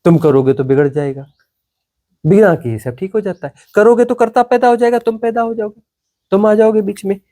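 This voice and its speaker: Speaking in a high voice at a fairly quick pace, a man gives a satsang discourse as a spiritual teacher. His delivery is emphatic and full of repetition, with phrases stretched out before they sink into a hush.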